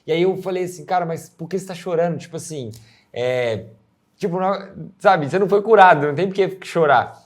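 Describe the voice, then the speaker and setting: A man's voice: a little high, fairly quick. A man with a Brazilian Portuguese accent telling a story in a casual, slangy chat. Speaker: co-host.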